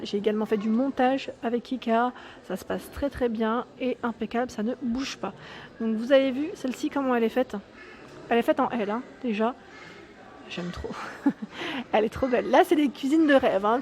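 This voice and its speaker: A woman's voice: fairly high pitch, a little mellow. Chatty woman touring a showroom. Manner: chatty and enthusiastic, with filler "hein" and self-corrections. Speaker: YouTube vlogger. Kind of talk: casual walkthrough vlog. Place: large furniture store showroom, indoors.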